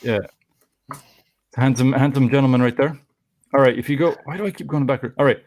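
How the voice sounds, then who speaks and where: A man's voice: mid-range voice, steady tone, fairly quick, darkish tone. Rambling jokey Canadian man in his forties. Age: 40s. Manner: rambling, self-interrupting, jokey. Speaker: live stream host. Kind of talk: casual live stream chat.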